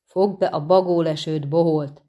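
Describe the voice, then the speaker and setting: A woman voicing an eager, excitable male bard in a storybook reading. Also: deep voice, natural voice.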